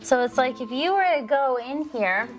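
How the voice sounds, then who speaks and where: A woman's voice: high-pitched, animated, normal speed, over music. A young American woman in her twenties, chatty and upbeat, casually showing off her room. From United States. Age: 20s.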